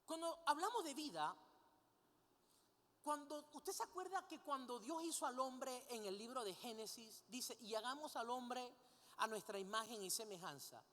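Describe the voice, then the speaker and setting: A woman's voice: fairly high pitch, expressive, normal speed, a bit bright. A woman preaching a sermon, often asking her congregation rhetorical questions and having them repeat lines after her. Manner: leads the congregation in call-and-response. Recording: long hall reverb.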